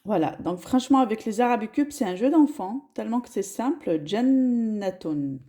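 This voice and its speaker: A woman's voice: fairly high pitch, animated, a little fast, dark tone. A woman teaching a lesson, spelling words out syllable by syllable. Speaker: Arabic teacher.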